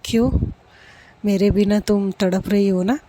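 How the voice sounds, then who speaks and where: A woman's voice: mid-range voice, steady tone, a little slow, heavy background noise, natural voice. A woman voicing a confident, teasing young woman in a spoken love story.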